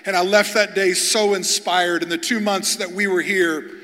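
A man's voice: sits high, fairly even intonation, moderate pace, pushed and bright. A man preaching as a guest pastor, telling humorous stories and often repeating words as he starts sentences. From Kentucky, USA. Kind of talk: storytelling sermon. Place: large church hall before an audience. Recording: long hall reverb.

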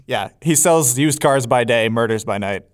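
A man's voice: mid-range voice, normal speed. A man co-hosting a comedy podcast in casual chat, with a dry, easygoing manner. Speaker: podcast co-host.

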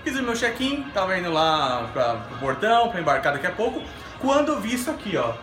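A man's voice: sits high, very animated, a little fast. A man hosting a casual vlog interview, chatty and informal, prompting a guest with questions. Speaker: vlog host. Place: busy indoor airport. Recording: roomy airport sound with clear music behind.

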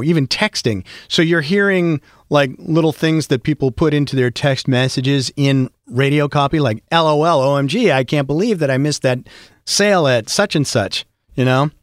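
A middle-aged man who voices for a living, talking as a podcast guest in an animated, storytelling way with frequent restarts. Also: mid-range voice, no echo, clean studio sound. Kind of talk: casual conversation.

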